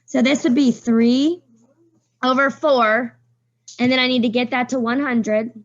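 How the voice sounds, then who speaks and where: Slightly hoarse woman teaching a math class. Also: sits high, steady tone, measured pace, muffled recording. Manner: walks students through steps, calls on pupils by name. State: voice getting hoarse.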